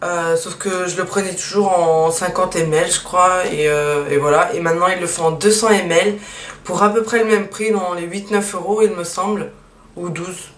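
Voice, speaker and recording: A woman chatting casually through a beauty haul, with lots of fillers and a steady stream of small asides. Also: fairly low pitch, moderate pace. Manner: chatty, many fillers and "donc voilà". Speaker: beauty vlogger. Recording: echoey room, mic at a distance, faint hiss.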